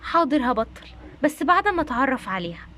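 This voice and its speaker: A woman voicing a jealous, suspicious teenage girl doll in doll play, speaking fast and insistently with an Egyptian Arabic accent. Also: high voice, big pitch swings, sharp tone, slight background noise, heavily acted.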